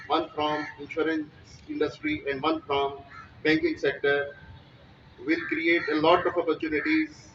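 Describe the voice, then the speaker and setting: A man's voice: a little high, recorded from a distance, highs cut off, noisy background. A man, a bank executive, giving a ceremony speech and switching between English and Hindi-Urdu. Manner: fast, mixing English and Hindi-Urdu phrases.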